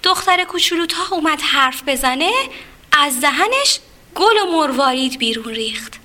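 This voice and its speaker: An expressive woman telling a children's fairy tale, her voice high and bright. She leans toward young listeners and speaks to them directly as she reads. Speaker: storyteller. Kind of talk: children's storybook reading.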